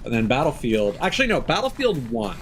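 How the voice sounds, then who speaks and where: A thirty-something game streamer chats casually over gameplay, being blunt and opinionated and swearing casually. His mid-range voice swings hugely in pitch and has a fairly bright tone, and he talks briskly. Game music runs behind his voice.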